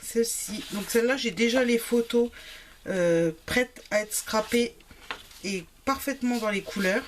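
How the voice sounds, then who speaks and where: A woman's voice: on the high side, a little slow, a little hiss or hum. A woman chatting casually through a craft shopping haul, with frequent fillers. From Italian family background. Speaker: craft vlogger. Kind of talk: casual product haul chat.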